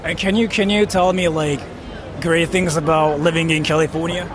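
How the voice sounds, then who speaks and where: Out on a busy Tokyo street, a man from Japan livestreams while chatting with passersby in playful slang. His voice is on the high side, with a steady tone at normal speed, and crowd noise surrounds him.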